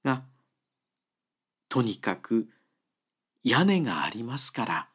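A man's voice: mid-range voice, sing-song, takes it slowly, breathy edge, heavily acted. A man voicing an earnest, humble woodcutter who speaks politely and urgently, begging a traveller to come with him. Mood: pleading. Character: anxious earnest male woodcutter, humble and pleading.

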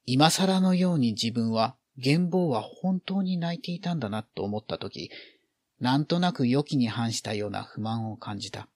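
A man's voice: mid-range voice, lively intonation, moderate pace, no room sound, clean studio sound. A man reading a literary story aloud, expressively acting out the feelings in the narration.

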